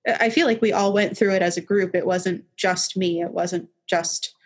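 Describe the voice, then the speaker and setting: A woman's voice: on the low side, fairly even intonation, normal speed, breathy edge. Reflective young woman, guest on a podcast. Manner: reflective, rambling, with many restarts and "like". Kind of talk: casual faith podcast chat.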